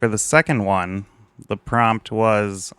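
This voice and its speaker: Male podcast co-host, low smooth voice, measured delivery. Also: steady tone, fairly bright tone, dry recording, studio quality. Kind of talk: reading a prompt aloud.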